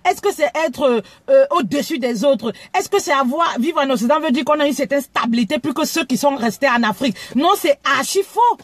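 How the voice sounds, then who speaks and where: A woman's voice: high voice, expressive, fairly quick, hardly any pauses, dry recording. A woman from Cameroon talking frankly in a casual live video, often stumbling and repeating words. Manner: frank, stammering repetitions. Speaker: live streamer.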